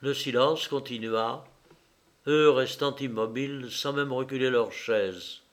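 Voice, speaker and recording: A man reading a classic novel aloud in slow, measured scripted narration. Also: medium pitch. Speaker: audiobook narrator.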